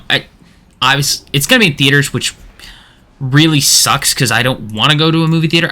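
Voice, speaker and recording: Bright-voiced man rambling while gaming. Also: medium pitch. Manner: rambling, chatty, lots of fillers and restarts. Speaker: gaming streamer. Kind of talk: casual chat while playing.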